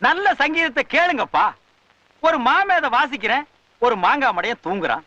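A boastful village drummer lectures and taunts in a high, bright, pompous voice. The sound is a dull, dry old film soundtrack, with no room around it. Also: male voice, animated, moderate pace, no room sound, full character voice. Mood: mocking. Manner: pompous, scolding, sarcastic. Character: boastful middle-aged male drummer, bossy and scolding. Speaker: temple drum player. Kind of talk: 1980s-90s Tamil film comedy dialogue.

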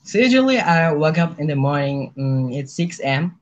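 A man's voice: fairly high pitch, very animated, moderate pace, muffled recording. A teenage boy from Bangladesh, a student guest answering questions politely in simple English over a video call, often saying "sir". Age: teens. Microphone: webcam on video call.

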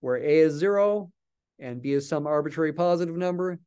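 A man's voice: on the high side, fairly quick, warm tone, clear, resonant tone. An older man giving a recorded calculus lecture, talking patiently and thinking aloud as he writes at a desk in a small office. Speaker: math lecturer.

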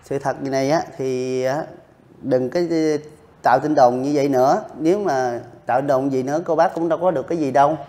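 A man's voice: mid-range voice, steady tone, fairly quick, mellow. A man being interviewed, earnest and repetitive as he explains his long working days. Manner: earnest, repeats himself while recounting. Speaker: interviewee, street vendor. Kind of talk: casual interview talk.

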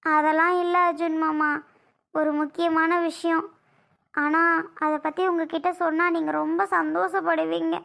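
A woman acts out a young wife who already has twin babies and is pregnant again. Her voice sits very high and sounds whiny and close to tears as she pleads. She speaks in the style of a homemade family skit. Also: level tone, normal speed, vocal fry, fairly bright tone, heavily acted. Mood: tearful. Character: young tearful pregnant wife, mother of twins. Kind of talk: Tamil family skit acting.

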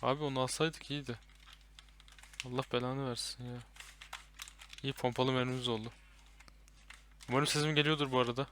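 A young man playing a horror game with a friend, commenting and swearing loudly at the enemies. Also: medium pitch, level tone, brisk, pauses often, slight background noise. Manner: loud, swearing, yelling at enemies. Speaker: gaming YouTuber.

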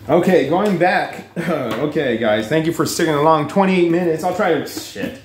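A man's voice: on the high side, lively intonation, moderate pace, echoey room, slight background noise. A man vlogging casual, rambling commentary on books and the news, full of fillers, restarts and swearing. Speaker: book reviewer vlogger.

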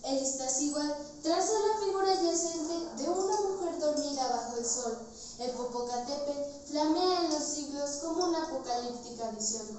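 A teenage girl with a central Mexican accent performs a grand poetry declamation in a high voice. Her delivery is solemn and theatrical, projected across the room. She is recorded from a distance in a very echoey space. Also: a little mellow. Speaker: student reciter. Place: indoors, bare tiled-floor room. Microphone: far camera. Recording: distant mic, very echoey room, faint noise.

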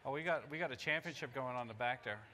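On stage in a big indoor conference hall, a presenter in his fifties pitches a product in an informal live demo, speaking to the crowd in short phrases. His medium-pitched voice is fast, pushed and bright, with slight background noise.

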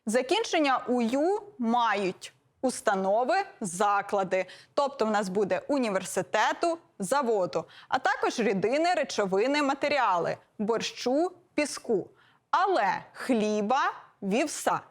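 A woman philologist presenting a scripted grammar lesson, listing examples one by one in a measured way. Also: a little high, very animated. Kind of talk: scripted educational explanation.

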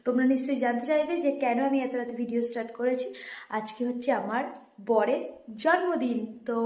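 A woman's voice: a little high, darkish tone. A woman family vlogger chatting straight to her viewers as she films at home on a phone camera. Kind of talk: casual vlog narration to viewers. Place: home and rooftop at night. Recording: roomy echo.

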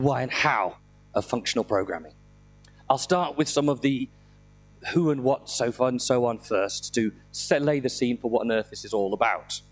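A middle-aged man, his medium-pitched voice slightly croaky from a throat infection, gives an informal technical talk on stage in an indoor conference room. Holding a handheld microphone, he is self-deprecating and dryly humorous.

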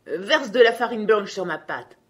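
A woman voicing a sly, menacing male wolf in a children's story, putting on a high, sweetened mother's voice at the door. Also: expressive, moderate pace, fairly bright tone, close to an everyday voice. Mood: threatening.

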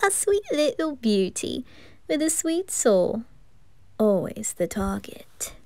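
An eccentric, creepy male undertaker, as a woman puts him on for a fan audio drama. He talks slowly and playfully, breaking into high cackles, with a mellow, dark-toned voice. The sound is close and dry. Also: sing-song, dry recording, exaggerated voice. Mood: sly. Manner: giggly, playful, cackling laughs. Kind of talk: fan ASMR roleplay.

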